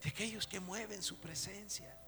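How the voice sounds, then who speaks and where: A male pastor preaching an impassioned sermon, shifting from shouts to hushed tones. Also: high-pitched, fairly even intonation, normal speed. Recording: echoey hall with soft music.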